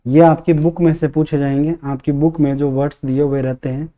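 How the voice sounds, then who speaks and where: A man's voice: a little high, flat delivery, a little fast, dark tone. A male English teacher giving a lesson on an exam paper, explaining each answer step by step and repeating key words for emphasis.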